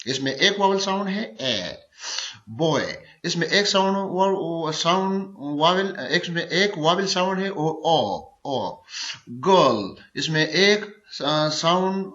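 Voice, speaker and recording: Slow, bright-voiced male grammar teacher. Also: high-pitched, highs cut off. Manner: slow, repeats example words several times over. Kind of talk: recorded grammar lecture.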